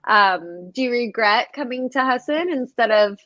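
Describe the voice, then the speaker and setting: A woman's voice: fairly high pitch, animated, moderate pace, fairly bright tone, lo-fi sound. A young woman hosting a live stream over a video call, upbeat and chatty with lots of fillers. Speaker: host of a student live stream.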